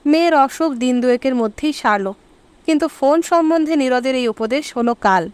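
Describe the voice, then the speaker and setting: In a dry recording, a woman with a high-pitched voice narrates an audiobook, giving the scripted story an expressive telling at an ordinary pace.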